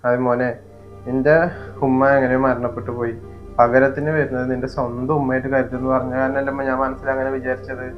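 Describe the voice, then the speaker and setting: A man's voice: medium pitch, lo-fi sound, soft background music, lightly acted. A young man playing a hurt, patient stepson in an amateur family short film. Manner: hurt, pleading, quick and flat. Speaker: elder stepson in a family skit.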